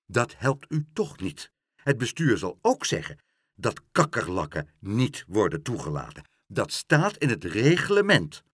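A man's voice: on the low side, wildly swooping pitch, measured pace, slightly rough, no room sound, studio quality, full character voice. A man putting on a pompous, officious porter. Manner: self-important, dismissive.

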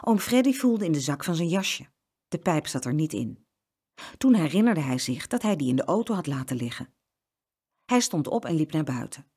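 A woman narrating a children's story in a lilting, expressive way. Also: low-pitched, moderate pace, husky.

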